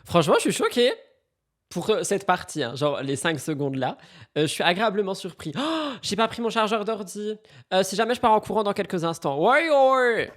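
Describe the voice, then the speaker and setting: A man's voice: high-pitched, fairly quick. Chatty young man commenting on clips. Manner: chatty, animated, frequent fillers. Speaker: host. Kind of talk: casual commentary on reality TV clips.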